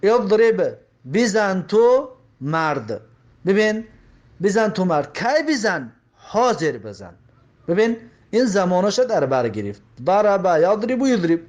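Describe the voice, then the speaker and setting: High-voiced man teaching grammar. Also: big pitch swings, darkish tone. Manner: repeats examples, asks and answers own questions. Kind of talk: grammar lesson.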